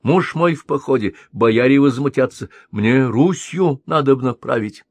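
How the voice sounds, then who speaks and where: A man voicing a proud, quick-tempered princess with a raised, haughty delivery, in an audiobook reading. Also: medium pitch, dry recording, pitched above the performer's own voice.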